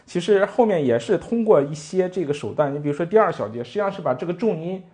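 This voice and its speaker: Man teaching piano lively, animated speech. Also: high voice, fast. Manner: counts beats aloud, asks frequent rhetorical tag questions. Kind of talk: music lesson with counting and playing. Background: piano playing.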